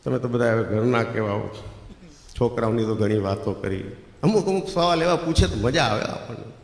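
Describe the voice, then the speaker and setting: Middle-aged gujarati accent guy doing stand-up stories, loud lively bits, big echoey hall. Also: medium pitch, normal speed, vocal fry. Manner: lively, bursts into loud acted quotes. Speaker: stand-up comedian. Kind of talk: Gujarati folk comedy storytelling.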